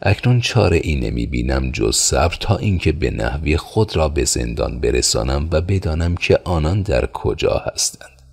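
Man reading as a calm young guy explaining stuff, very deep and gravelly. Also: full character voice. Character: thoughtful young man, calm and well-informed.

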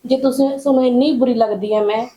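A woman's voice: fairly high pitch, steady tone, quick pace, warm tone, roomy sound, lightly acted. A young woman playing a distressed daughter pleading with her mother against the match. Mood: hurt. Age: young adult. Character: upset young daughter refusing older groom.

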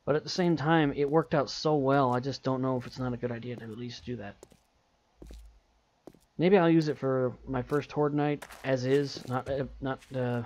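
A man with a Texan accent talks through his gameplay, wandering and unsure, thinking out loud. His voice sits in an ordinary middle pitch. Plenty of noise is audible behind him in the home recording. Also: steady tone, moderate pace. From Texas. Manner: rambling, hesitant, thinking aloud. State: yawning. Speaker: gameplay channel host. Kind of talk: casual gameplay commentary. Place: home room. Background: holiday music and fireworks outside.

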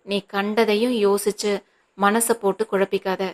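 A woman's voice: mid-range voice, little pitch movement, normal speed, natural voice. A woman voicing a weary, tender mother. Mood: reassuring. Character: worried, tender mother reassuring her son.

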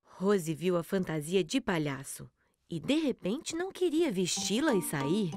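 A woman's voice: on the low side, animated, a little slow, darkish tone, no echo, studio quality, faint music behind. A woman narrator reading a scripted children's story for a cartoon.

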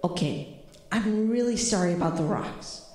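A woman's voice: mid-range voice, animated, moderate pace, dark tone, close to an everyday voice. A woman playing a plucky, earnest young kid leader with a casual, direct manner in an audio drama. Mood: apologetic. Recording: very echoey, faint music.

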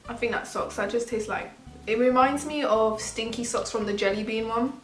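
A woman's voice: fairly high pitch, moderate pace, fairly bright tone, distant mic. A young woman chatting casually and reacting with disgust while eating gross jelly beans. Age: young adult. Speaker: challenge vlogger. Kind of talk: casual banter during a taste-test challenge. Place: living room, on a sofa. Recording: echoey room with music behind.

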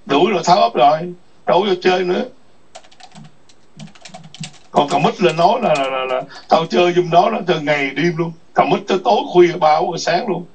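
A man's voice: a little high, fairly quick, pauses often, slight background noise. A man ranting in an online chat room, scolding and cursing with repeated taunting questions. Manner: foul-mouthed, scolding, repetitive taunts. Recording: distant muffled lo-fi mic.

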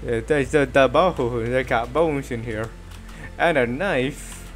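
A man's voice: mid-range voice, slow, soft background music. A man streaming a video game, chatting casually in a rambling way, stammering and laughing often. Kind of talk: casual let's-play chat.

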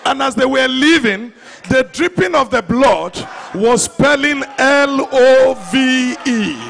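A middle-aged Nigerian-accented man preaches an impassioned, emphatic sermon into a handheld mic, repeating phrases for effect, before a congregation in a large church hall. His voice is very high and slightly bright, with vocal fry and a slow pace. The live church PA captures a faint crowd.

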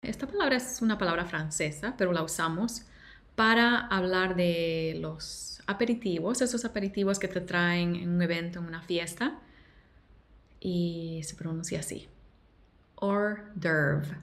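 A woman teaching pronunciation, repeating each word slowly and carefully as a language teacher. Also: fairly low pitch, fairly bright tone. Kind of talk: pronunciation lesson.

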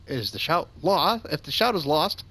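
A man doing casual let's play commentary, sarcastic and quick with a joke, swearing offhandedly. His voice sits a little high and swings around a lot in pitch. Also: big pitch swings, pushed and bright.

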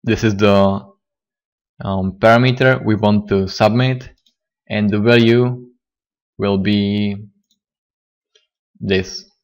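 A man with a slightly hoarse, lowish voice walks through a coding tutorial. He speaks slowly and haltingly, pausing often and restarting his sentences as he explains each step. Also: steady tone, dull audio. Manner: halting, many fillers and restarts. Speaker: programming tutor. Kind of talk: screen-recorded coding tutorial.

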